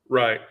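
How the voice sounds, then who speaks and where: Slow, rambling man telling a story. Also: narrow, tinny audio. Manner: rambling and profane, with many fillers. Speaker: vlogger. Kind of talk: casual storytelling.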